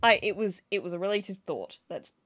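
A woman's voice: medium pitch, expressive, fairly quick, fairly bright tone. A woman co-hosting a film podcast, talking in long, rambling digressions that keep interrupting themselves. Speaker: podcast co-host. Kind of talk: casual film chat.

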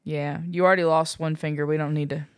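Young woman, lowish voice, dry close sound, teasing storyteller in casual couple chat. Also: fairly even intonation, quick pace, clear, resonant tone, no room sound. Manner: teasing, laughs often, storytelling. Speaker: co-host, wife.

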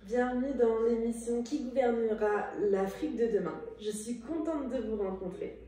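Young female journalist hosting, mellow voice, echoey room, heard from a distance. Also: a little high, moderate pace. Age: 20s. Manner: informal, with fillers. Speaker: journalist and host. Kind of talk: hosting an interview. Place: indoor room, seated in armchair. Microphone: far camera.

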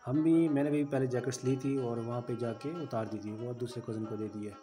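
Mellow man narrating a vlog. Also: mid-range voice, fairly even intonation, a little fast, soft background music. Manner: chatty, explains the route and gives tips to viewers. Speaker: travel vlogger. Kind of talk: casual travel voice-over.

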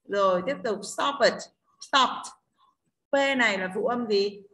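A mid-range, fairly bright female voice at normal speed belongs to an English teacher with a Northern Vietnamese accent. In her online class she explains pronunciation rules step by step and keeps checking with students through "đúng không?".

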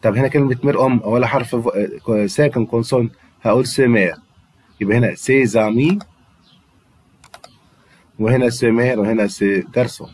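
A man's voice: medium pitch, fairly even intonation, brisk, pauses often, a little mellow. A man with an Egyptian Arabic accent, teaching a French grammar lesson to students and patiently repeating words for them to drill. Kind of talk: classroom-style grammar lesson.

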